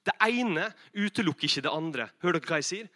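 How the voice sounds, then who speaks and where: A young man preaching a sermon, earnest and direct, asking the congregation rhetorical questions and shifting between loud emphatic calls and soft, low confessional passages. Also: lively intonation.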